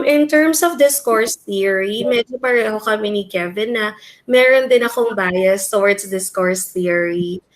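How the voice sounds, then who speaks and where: A woman's voice: mid-range voice, low-quality recording. Woman teacher sharing classroom observations. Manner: thoughtful, many um fillers. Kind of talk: casual discussion mixing two languages.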